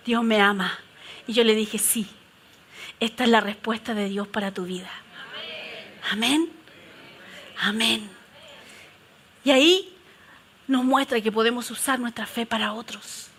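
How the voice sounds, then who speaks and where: A middle-aged woman pastor preaches from the pulpit. Her voice sits high and rings bright, and she tells her stories with animated swings between firm proclamations and hushed prayer. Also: normal speed, long pauses, a little hiss or hum. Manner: animated storytelling preaching, shifting from loud declarations to soft prayerful tones. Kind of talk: sermon.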